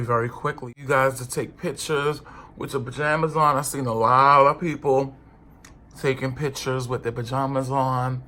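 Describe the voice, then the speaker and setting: With a slightly bright, mid-range voice clogged by a cold, a man sassily and casually addresses the camera while reviewing foundation for his beauty vlog. A little background noise can be heard.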